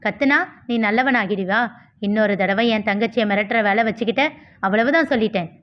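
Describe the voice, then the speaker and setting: A woman's voice: medium pitch, brisk, lightly acted. A woman doing a fierce, scolding older sister. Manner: scolding, sharp, rough-spoken. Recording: slightly dull lo-fi recording.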